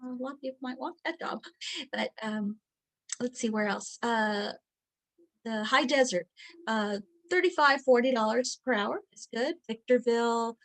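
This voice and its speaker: A woman's voice: a little high, measured pace. A middle-aged woman teaching a recorded training lesson, chatty and candid, with many fillers and quoted asides. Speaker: training instructor.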